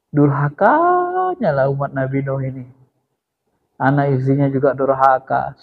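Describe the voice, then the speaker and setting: A man preaching a lively sermon to a study gathering, often turning to his listeners directly. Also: a little high, breathy edge. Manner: lively, addresses listeners directly as sir, chants God's name. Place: religious study gathering hall. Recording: echoey hall, dull lo-fi sound.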